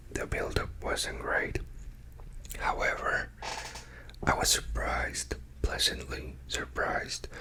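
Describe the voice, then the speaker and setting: Slow, quiet late-night ASMR whisper. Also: low-quality recording. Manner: rambling, trailing off between thoughts. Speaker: ASMR creator talking to followers. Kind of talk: whispered ASMR ramble, casual chat.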